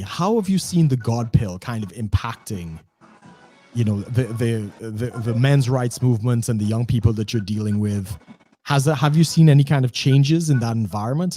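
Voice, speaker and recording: A man from Trinidad and Tobago hosting a casual interview, affirming his guest with quick agreements. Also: medium pitch, lively intonation, dark tone. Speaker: interview host.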